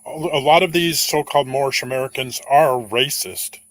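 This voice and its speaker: A man's voice: medium pitch, fairly bright tone. A man hosting a casual live chat, mostly giving brief agreeing remarks. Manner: brief agreeing interjections, unhurried.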